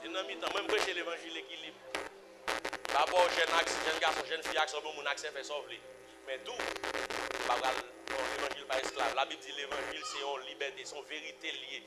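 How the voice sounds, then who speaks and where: A man with a Haitian accent preaching a sermon, repeating phrases and swinging from low murmurs to loud emphatic cries. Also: steady tone, a little fast. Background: music.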